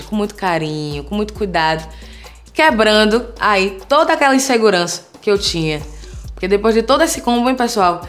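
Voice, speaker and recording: This content creator, a Bahian woman in her thirties from Salvador, Brazil, has a medium-pitched voice and a Bahian Portuguese accent. She talks to her viewers warmly and earnestly in a conversational vlog, frequently tossing in tag questions.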